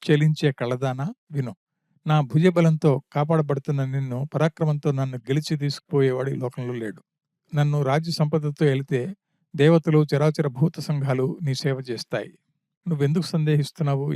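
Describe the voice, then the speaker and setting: A man voicing an arrogant demon king who boasts and coaxes a captive, read in an even storytelling tone. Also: a little high, no room sound, studio quality, close to an everyday voice.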